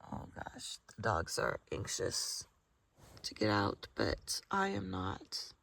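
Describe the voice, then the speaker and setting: A woman vlogger with a groggy morning voice, chatting softly and sometimes in a hush from inside her small car camper. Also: a bass voice, very animated, slow pace, vocal fry. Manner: soft-spoken, chatty, often hushed. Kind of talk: casual vlog chat.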